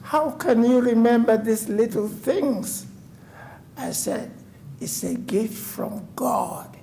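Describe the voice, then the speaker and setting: A very high-pitched but dark-toned, creaky voice comes from a West African man in his nineties, animated though slow as he formally tells a code enforcement board his personal story. The testimony is given at a public meeting in a city council chamber, with slight background noise.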